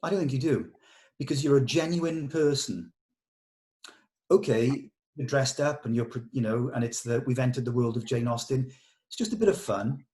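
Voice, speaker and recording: This man, warm-toned and mid-range in pitch, is the director at a script table read. He talks through his notes with the actors and writer in a diplomatic, measured way, laying out why he wants each change.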